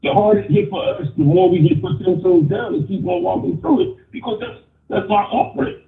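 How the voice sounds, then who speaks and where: A man's voice: sits high, a little fast, vocal fry. A man calling in over an earbud, his voice muffled and hard to make out, stammering through restarts as he gives his blunt opinions. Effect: muffled phone line over an earbud. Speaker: caller. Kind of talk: opinionated call-in rant. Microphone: wireless earbud on a phone call. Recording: muffled, tinny, echoey phone call.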